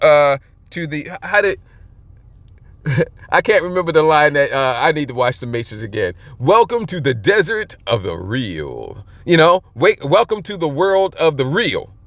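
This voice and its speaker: A man's voice: fairly high pitch, lively intonation, normal speed, fairly bright tone, no echo. A man preaching a sermon, reading scripture aloud and breaking in with colloquial, emphatic commentary and chuckles.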